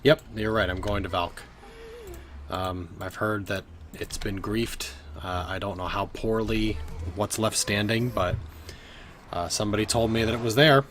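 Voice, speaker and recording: A man's voice: on the low side, steady tone, unhurried, a bit bright, slight background noise. A man in his thirties, a bit drunk, giving rambling, profane live commentary while playing a game from his bedroom. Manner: rambling, swearing, laughing often. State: tipsy from drinking. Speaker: streamer. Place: home bedroom.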